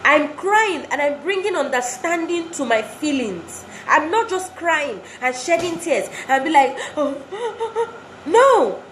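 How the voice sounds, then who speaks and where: A woman's voice: high-pitched, lively intonation, unhurried, hardly any pauses, fairly bright tone. A woman giving an earnest motivational talk to wives, exhorting and repeating phrases for emphasis. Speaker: speaker addressing wives. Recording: roomy echo, faint background noise.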